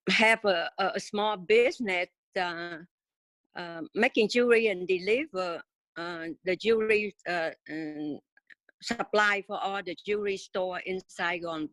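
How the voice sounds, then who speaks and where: A woman in her seventies from Vietnam with a Vietnamese accent, telling her life story haltingly in an interview with many pauses and fillers. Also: lowish voice, fairly bright tone, dry recording. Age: 70s. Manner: halting, many filler sounds, simple grammar. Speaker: interview guest.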